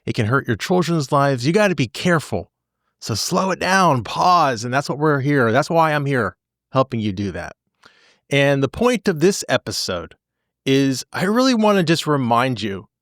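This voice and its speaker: A man's voice: fairly high pitch, a bit bright, no room sound, studio quality. A man in his forties hosting a podcast as a divorce attorney, talking casually and animatedly, repeating phrases for emphasis.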